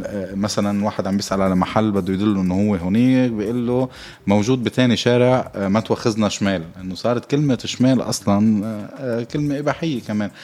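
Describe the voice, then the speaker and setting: A man with a Lebanese accent hosting a casual comic monologue, joking and rambling with lots of halting fillers. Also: on the low side, a little mellow. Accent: Lebanese Arabic. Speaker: podcast host.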